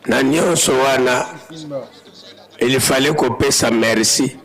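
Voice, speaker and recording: A man's voice: mid-range voice, slow, crowd noise, low-quality recording. A man announcing and counting donations at a church gathering in a playful, teasing way. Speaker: fundraising announcer at a church service. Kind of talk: lively announcements of donations, mixing French and Lingala.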